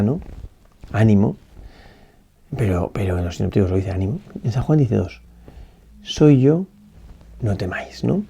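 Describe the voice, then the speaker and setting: A priest gives a slow, reflective meditation, as if thinking aloud. His voice is mellow and dark with a gravelly edge. He keeps checking in with a questioning tag and restarts his phrases as he goes. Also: on the low side. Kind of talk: spoken meditation on a gospel passage.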